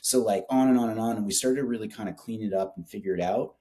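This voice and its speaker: In a casual business interview, a startup founder tells stories in a colloquial, salty, emphatic way. His lowish voice is mellow, and he talks fast.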